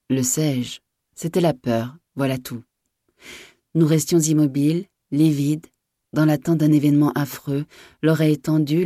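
A woman narrating a story in a measured, dramatic reading. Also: low voice, warm tone, no echo, clean studio sound.

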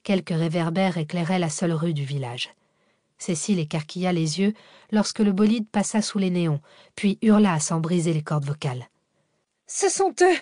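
A woman narrating a thriller audiobook in a steady, measured reading. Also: fairly low pitch, dry recording, clean studio sound. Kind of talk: scripted narration.

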